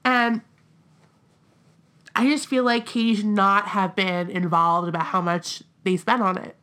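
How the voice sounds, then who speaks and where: A young American woman chats casually on a podcast about reality TV. Her voice has vocal fry at a medium pitch. She is blunt and sweary, sprinkling "like" through her sentences. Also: fairly even intonation, unhurried, bright, forceful tone. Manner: blunt, profane, peppered with "like". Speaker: podcast co-host.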